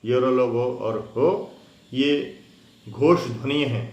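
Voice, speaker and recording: A man teaching a Hindi grammar lesson, explaining slowly with many fillers and spelling sounds out one by one. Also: mid-range voice, a little mellow. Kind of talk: spoken lesson. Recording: roomy echo.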